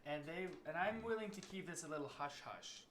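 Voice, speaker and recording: A player voicing a small gnome druid who quietly bargains in a tabletop game. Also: mid-range voice, brisk, background noise, natural voice. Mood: hushed bargaining. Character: small gnome druid, cagey and wheeling-dealing.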